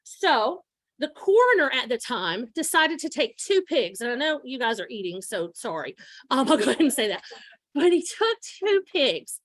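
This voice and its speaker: A woman's voice: fairly high pitch, sing-song, normal speed, fairly bright tone, no echo. A woman in her forties giving an informal lecture to students, projecting her teacher voice without a microphone. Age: 40s. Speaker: guest lecturer, forensic science instructor. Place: room, speaking aloud to a student audience.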